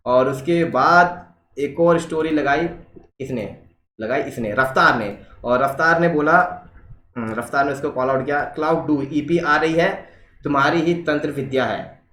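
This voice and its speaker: A man hosts a casual reaction video, reading social media posts aloud and commenting on each one. He mixes English phrases into his talk. His voice sits a little high, and the room around him is echoey. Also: unhurried, fairly bright tone.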